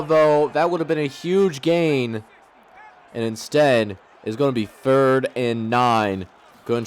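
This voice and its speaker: Male gamer-commentator, fairly high voice, announcer-style play-by-play with drawn-out key words, game stadium noise behind. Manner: announcer-like, stretches key words on big plays. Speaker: gaming video host commentating his own franchise game.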